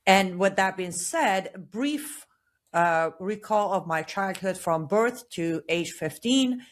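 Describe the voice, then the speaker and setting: Woman from Iran, lowish voice. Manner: measured, earnest personal account. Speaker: guest author. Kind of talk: interview answers.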